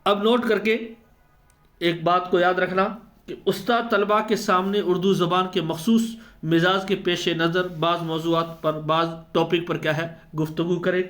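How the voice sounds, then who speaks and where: A man's voice: high-pitched, little pitch movement, fairly bright tone. A man giving an exam-prep lecture, who explains step by step and answers his own questions. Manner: slows down to spell out letter sounds. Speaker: teacher.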